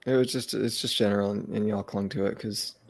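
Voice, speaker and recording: Gravelly low sardonic man. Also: steady tone, brisk. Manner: dry, sardonic. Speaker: podcast co-host. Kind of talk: casual chat, reading notes aloud.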